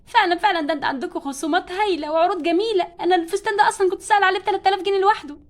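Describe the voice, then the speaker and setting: A shopping-mad wife doll from a doll play story, pleading and scolding her stingy husband. Her Egyptian Arabic comes very high and very fast. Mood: bickering. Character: spendthrift wife doll who loves dresses.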